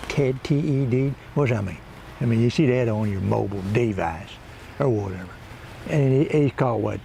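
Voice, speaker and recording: A man's voice: medium pitch, vocal fry, a little mellow, slight background noise. A man playing a folksy, cranky backwoods character, rambling through a comic monologue outdoors by the water. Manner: meandering, folksy, chuckling to himself. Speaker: comedy monologue host.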